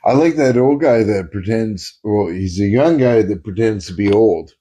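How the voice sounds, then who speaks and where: Brief: man, podcast co-host, mellow husky voice, rambling profane anecdotes. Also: fairly low pitch, expressive, moderate pace. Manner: rambling, profane storytelling with many fillers. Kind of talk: casual podcast chat.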